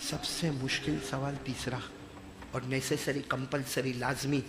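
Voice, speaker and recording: A man preaching a sermon to a gathering, passionate, swinging between loud chanting and calm talk and calling on the crowd to answer back. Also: medium pitch, big-room sound, background noise.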